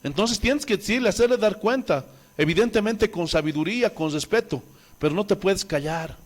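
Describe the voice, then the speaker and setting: A man's voice: sits high, animated, moderate pace. A man with a Bolivian Spanish accent, a pastor preaching a sermon with impassioned rhetorical questions to the congregation.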